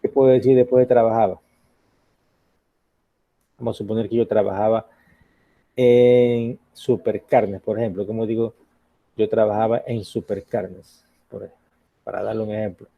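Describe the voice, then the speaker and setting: A man's voice: fairly low pitch, steady tone, normal speed, vocal fry, long pauses, no room sound, narrow, tinny audio. A man teaching an English grammar lesson in Spanish, patiently asking the class questions and checking in with "ok?".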